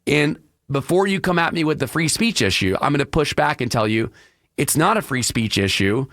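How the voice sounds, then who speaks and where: Hoarse, frog-throated male radio host. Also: expressive, normal speed, fairly bright tone, no room sound, clean studio sound. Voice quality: deeper than usual, frog-throated. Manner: projecting from the diaphragm, emphatic opinionated delivery. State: hoarse, congested voice. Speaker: radio talk show host. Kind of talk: solo radio talk monologue. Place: radio studio.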